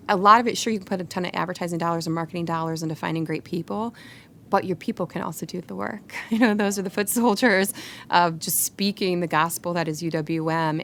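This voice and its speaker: A woman's voice: lowish voice, a bit bright, a little hiss or hum. A woman guest on a company podcast, talking upbeat and casual and laughing often. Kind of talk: casual interview talk.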